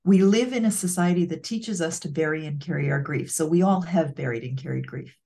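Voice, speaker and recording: A woman's voice: low voice, a little fast, gravelly, mellow. A woman co-hosting a casual heart-to-heart conversation, speaking earnestly and reflectively. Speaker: co-host.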